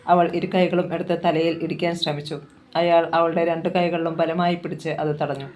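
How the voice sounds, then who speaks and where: Steady storyteller reading a novel aloud. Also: medium pitch, normal speed.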